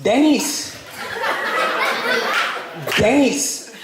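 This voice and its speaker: A man's voice: very high voice, extremely slow, pitched above the performer's own voice, exaggerated voice. A man imitating his scolding Filipino mother with a Filipino accent, threatening and stern. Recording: echoey hall, loud room noise.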